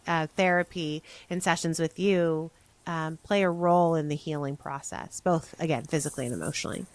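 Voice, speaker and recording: Lower-voiced woman podcast host. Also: a bit bright, no echo, poor audio. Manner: thoughtful, rambling questions with fillers. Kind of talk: conversational podcast interview.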